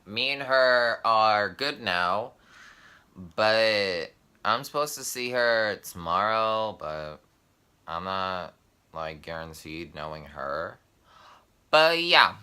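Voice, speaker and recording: Young guy vlogger, casual storytime, bright edgy tone, heavy swearing, filler-heavy, mimics others in quotes. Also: lowish voice, animated, takes it slowly, clear, resonant tone. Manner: heavy cursing, constant "like" fillers; mimics friend's voice when quoting.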